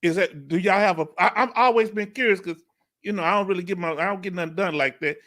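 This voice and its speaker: This live Q&A stream host is a middle-aged man with a Houston, Texas accent who's laid-back, chatty and quick to laugh. He talks fast in a high-pitched, fairly bright voice.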